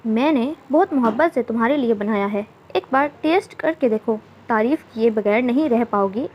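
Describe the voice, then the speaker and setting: A teasing, affectionate young man, as a woman narrator puts him on in a storybook reading. The voice sits a bit high, and the recording sounds dull and lo-fi. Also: expressive, moderate pace, a little hiss or hum, natural voice.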